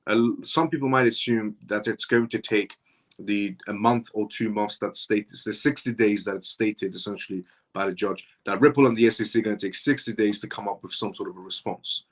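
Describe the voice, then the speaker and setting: A man in his thirties with a lowish voice talks a little fast. During his live stream he reads comments from viewers aloud and responds, making his points in an emphatic, repetitive, insistent way.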